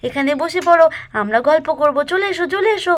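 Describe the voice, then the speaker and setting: An eager young daughter-in-law, played by a woman in a doll story. She chatters quickly and fusses, in a high, lively voice. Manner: excited, quick and fussing.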